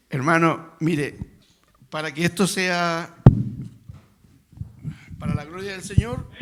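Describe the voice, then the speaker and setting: A man's voice: on the high side, a bit bright, slight background noise. A man preaching a sermon in a church, asking rhetorical questions and building to emphatic passages. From Chile. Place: church sanctuary.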